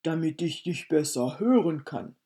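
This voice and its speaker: A woman voicing a sly, hungry wolf in a fairy tale, speaking loudly in a coaxing way. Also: deep voice, animated, measured pace, slightly rough, exaggerated voice.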